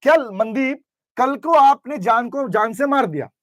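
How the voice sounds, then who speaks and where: A high-voiced male commerce teacher gives a lively, unhurried classroom lecture with role-play, questioning his students and mixing in English terms. The camera recording from class has no room sound.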